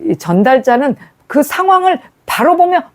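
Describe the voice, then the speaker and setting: A woman's voice: high-pitched, very animated, moderate pace. A woman preacher delivering a sermon, telling stories with frequent fillers and hesitant restarts.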